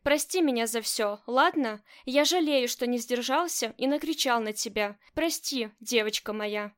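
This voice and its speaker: A doting middle-aged husband speaking softly and fondly, an audiobook character given a high voice by a woman reader. His tone stays gentle and loving throughout. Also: normal speed, natural voice. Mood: tender. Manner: soft and affectionate.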